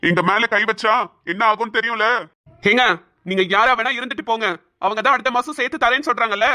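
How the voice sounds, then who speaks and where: A woman's voice: fairly high pitch, fast, sharp tone, pitched below the performer's own voice. A woman voicing a rude, threatening bank officer man in a cartoon, bossy and menacing. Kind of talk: cartoon voice acting.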